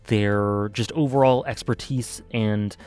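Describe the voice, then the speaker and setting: A man's voice: fairly low pitch, fairly even intonation, takes it slowly, a little mellow, clean tone. Rambling man reviewing anime. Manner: rambling, thinks aloud with frequent ums and self-corrections. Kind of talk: casual spoken review.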